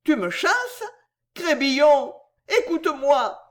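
A woman's voice: a little high, sing-song, measured pace, voice pushed up. A reader voicing a fat old drunkard man who whines, stammers and pleads tearfully. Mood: tearful pleading.

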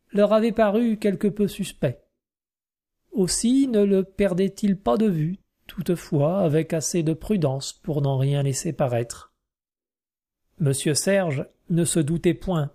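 A man narrating a classic novel as an audiobook, in a clear, steady literary reading. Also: a little high.

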